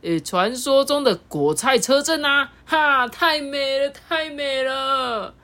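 A woman playing an excitable sweet potato boy. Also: sits high, voice pushed up, exaggerated voice. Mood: excited, tearful. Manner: loud, exclaiming, drawn-out cries.

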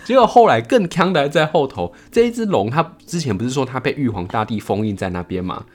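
A man's voice: mid-range voice, big pitch swings, fast, darkish tone, faint music behind. A man hosting a podcast, retelling an old tale in a playful, laughing way. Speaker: podcast host. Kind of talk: storytelling podcast chat.

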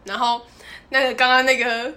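A woman's voice: a little high, level tone, moderate pace, sharp tone. A woman, co-hosting a podcast and animatedly telling a story, often laughing and acting out the people in it. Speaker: podcast co-host. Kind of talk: casual storytelling chat.

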